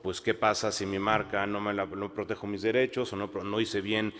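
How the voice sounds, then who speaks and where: A man talks on a conference panel in a lowish voice, pausing and restarting as he thinks. His voice rings out in a large hall with a long reverb. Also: flat delivery, a bit bright. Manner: measured, many fillers and restarts. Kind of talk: panel discussion.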